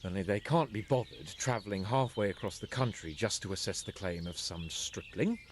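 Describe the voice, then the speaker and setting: In a game cutscene, a man plays an underage nobleman who is imperious and mocking, speaking in a haughty, matter-of-fact British aristocratic way. His fairly low, fairly quick voice is close to everyday speech, with a little hiss or hum on the track.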